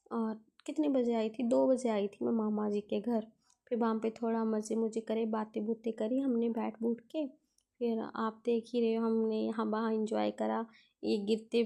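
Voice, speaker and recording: A young woman talks through her day as a relaxed vlog voice-over, chatty and homely. Her voice is a touch high and gravelly, with a dark tone. She keeps a fairly flat, even melody throughout. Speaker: vlogger. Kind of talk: casual vlog narration.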